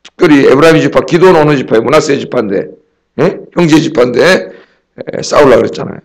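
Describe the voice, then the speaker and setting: A man's voice: mid-range voice, quick pace, gravelly. A male pastor giving a conversational dawn-service sermon, often asking the congregation questions and acting out quoted speech. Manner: conversational preaching, acts out quoted lines with raised angry voice; asks the congregation questions, tag words like "ye?" and "eo?".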